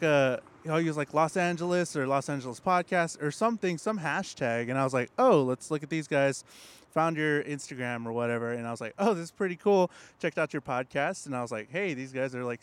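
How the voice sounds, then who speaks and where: A man guests on a podcast, chatting casually in a middle-pitched voice. He tells his story with animated energy and breaks into laughter often. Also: smooth. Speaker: podcast guest, trombone player. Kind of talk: casual chat.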